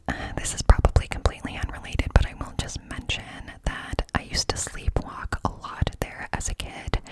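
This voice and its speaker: A woman telling a story in a casual, rambling ASMR whisper, breathy and hushed as if quiet at night, cupped close to the microphone. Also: poor audio. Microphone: close microphone with cupped hands.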